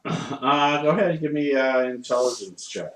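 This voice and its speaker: A man running a tabletop game as game master, improvising narration haltingly as he searches for words. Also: medium pitch, a bit bright. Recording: echoey room.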